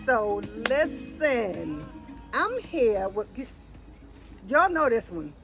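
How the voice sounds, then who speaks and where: A woman hosting a casual chat with friends, animated and laughing often, with playful drawn-out asides. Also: a little high, music in the background, poor audio. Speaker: host.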